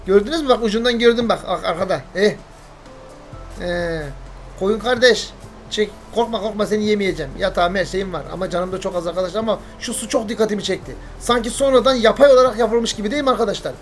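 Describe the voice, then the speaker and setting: A man's voice: high-pitched, fast, soft background music. A man narrating a gameplay video in a chatty, playful role-play style, talking to his viewers as friends. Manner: chatty, addresses viewers as friends, mock-dramatic. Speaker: gaming YouTuber.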